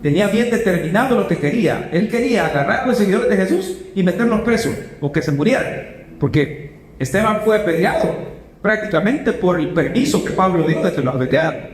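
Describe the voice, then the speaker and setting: A pastor with a bright, high voice preaches to his congregation, often turning to ask them questions. His phrasing speeds up and slows down as he goes. The sound carries a roomy church echo with a faint hum of ambience behind it. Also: animated. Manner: asks the congregation questions, shifts between quick and slow phrasing. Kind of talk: sermon. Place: church hall.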